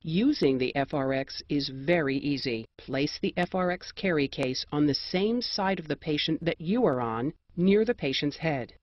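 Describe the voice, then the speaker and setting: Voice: mid-range voice, expressive, dry recording, muffled recording. Dry, precise American instructional narrator. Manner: measured, precise, formal.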